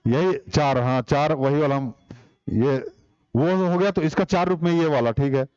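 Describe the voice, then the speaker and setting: A man's voice: a little high, moderate pace, a little mellow, clean tone, dry recording, muffled recording. A man teaching an online exam-prep class, explaining step by step and putting rhetorical questions to the class.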